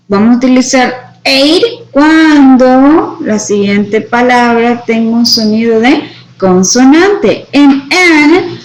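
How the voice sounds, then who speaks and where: A woman teaching an English grammar lesson, explaining each example slowly in both Spanish and English and checking with her students as she goes. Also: fairly high pitch, a little hiss or hum, rough recording. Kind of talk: bilingual classroom grammar lesson.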